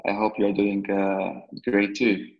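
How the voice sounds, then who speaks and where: A man's voice: on the low side, completely flat delivery, takes it slowly, muffled recording. A man in his twenties from Lebanon, a podcast guest answering questions casually, rambling with many restarts and fillers. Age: 20s.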